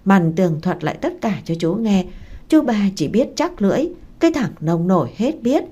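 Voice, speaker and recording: A woman, narrating a dramatic story in a steady reading voice. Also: medium pitch, normal speed, breathy edge.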